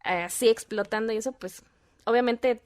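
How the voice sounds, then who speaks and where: Woman, fairly high voice, animated storyteller, casual podcast guest. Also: normal speed. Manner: animated storyteller, acts out quoted dialogue. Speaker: guest, voice-over artist and mother.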